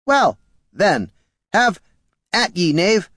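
A man's voice: high voice, very animated, very slow, a bit bright, dry recording, voice pushed up, exaggerated voice. A man voicing a formal, courteous clockwork training golem with stilted, archaic speech.

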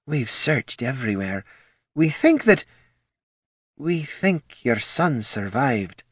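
A man's voice: mid-range voice, big pitch swings, slow, breathy edge, no echo, clean studio sound, pitched above the performer's own voice, full character voice. A man voicing a nervous, fumbling spectral woman who apologizes and hedges as she delivers bad news. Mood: apologetic.

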